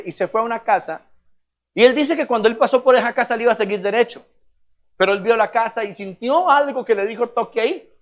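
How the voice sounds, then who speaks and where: A man with a Colombian accent preaching a lively sermon as pastor, calling out to the congregation and acting out little scenes. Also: high voice, lo-fi sound. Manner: animated, calls out to the congregation, acts out little scenes.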